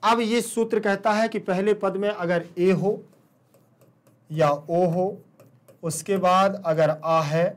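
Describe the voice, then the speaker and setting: A man's voice: high voice, fairly even intonation, takes it slowly. A man teaching a recorded online lesson with a Hindi accent, explaining step by step, repeating terms and answering his own questions. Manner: checks in with "ठीक" often.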